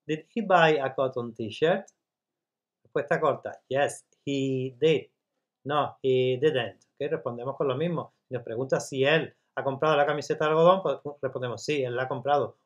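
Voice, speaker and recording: A man teaching English grammar step by step in Spanish, patiently checking in with his students and reading example sentences slowly. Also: medium pitch, pushed and bright. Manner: patient, repeats checks like "¿vale?" and "¿de acuerdo?".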